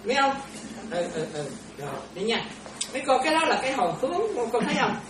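A woman's voice: a little high, big pitch swings, fast talker, a crowd in the background. A woman teaching in a Buddhist talk, chatty, often checking whether listeners follow and laughing now and then. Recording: echoey room, distant mic, noisy.

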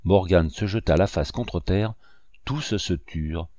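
Man, audiobook narrator, steady measured reading, deep voice, dry close sound. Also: no echo. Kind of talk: scripted narration.

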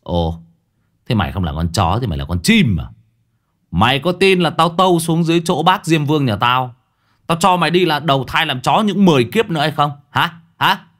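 Guy doing a cocky young disciple, mocking and rough, fast. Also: fairly high pitch, animated, fairly bright tone, voice pushed up. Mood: taunting. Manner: mocking, jeering.

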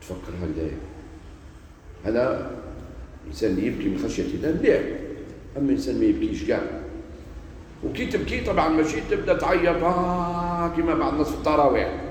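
Algerian preacher in an echoey hall. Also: male voice, mid-range voice, racing, pauses often, distant mic, a little hiss or hum. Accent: Algerian Arabic. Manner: animated, shifting between loud emphasis and quiet asides. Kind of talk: sermon.

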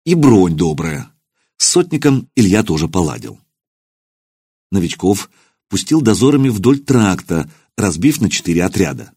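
A man narrating an audiobook in a steady, expressive storytelling manner. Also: low voice, moderate pace, breathy edge, no echo, clean studio sound.

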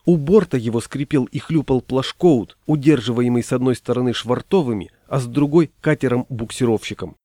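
A man narrating an audiobook in a measured storytelling manner. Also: medium pitch, mellow, no room sound.

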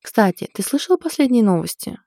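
A woman's voice: a little high, very animated, fairly quick, mellow, no room sound, studio quality, voice pushed up. A woman voicing a blunt young woman who swears and gossips, a hapless cook who grumbles at her own mistakes, in an audiobook. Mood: gossipy. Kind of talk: audiobook character voice.

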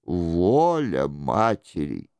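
A man voicing a scheming aging queen mother, slow and pleading in a coaxing way. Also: deep voice, huge pitch swings, gravelly, a little mellow, clean tone, dry recording, clean studio sound, pitched below the performer's own voice, heavily acted.

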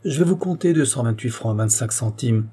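A man reading an older, lively country doctor in an audiobook, speaking briskly and emphatically. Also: mid-range voice, slightly rough. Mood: commanding.

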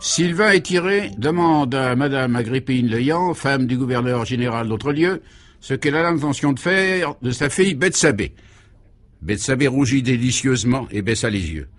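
A man narrates a comic radio serial in a dry, measured way. He reads as scripted storytelling, at an even middle pitch. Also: soft background music.

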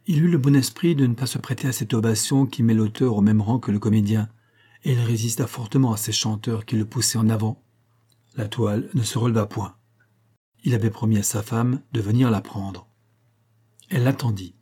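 A man narrating a classic French novel as an audiobook, at a measured, even pace. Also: fairly low pitch, slightly rough. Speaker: audiobook reader.

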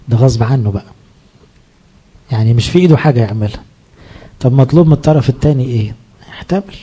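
A man's voice: a little high, dark tone, slightly rough. A man with an Egyptian accent, a priest giving a sermon, explaining his points through rhetorical questions that he answers himself. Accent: Egyptian Arabic.

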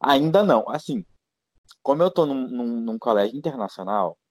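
A man's voice: medium pitch, expressive, normal speed, a little mellow, no room sound. A Brazilian man, a guest in a casual interview, talking in a rambling way with many fillers and restarts. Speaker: guest, teacher living abroad.

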